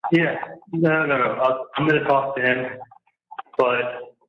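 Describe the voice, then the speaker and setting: A man talks through a jail payphone, halting and repeating himself as he tries to reassure the people he is calling. The line is muffled and echoey, and clear noise sits under his voice. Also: mid-range voice, fairly even intonation. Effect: heard through a jail payphone. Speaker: inmate calling family.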